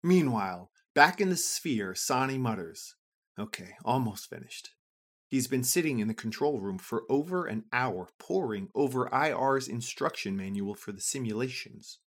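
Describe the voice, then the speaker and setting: Lively, expressive story narrator. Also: moderate pace, hardly any pauses. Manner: lively, expressive reading with a wide pitch range. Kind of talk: scripted story narration for children.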